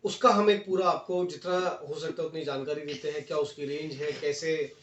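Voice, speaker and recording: At a moderate pace and slightly high pitch, an Indian man reviews a product in a casual unboxing video, addressing viewers in a friendly way and mixing in English vocabulary. The audio is dull, with room echo, steady background noise and clicks.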